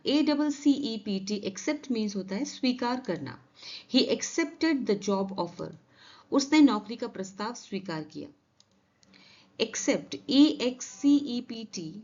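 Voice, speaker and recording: Woman teaching English words, high voice. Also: darkish tone, muffled recording. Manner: reads example sentences slowly, explains quickly. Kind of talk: vocabulary lesson.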